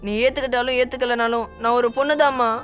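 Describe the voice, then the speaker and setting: A man's voice: very high-pitched, little pitch movement, fast talker. A man playing a pleading tearful son. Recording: film soundtrack with music behind.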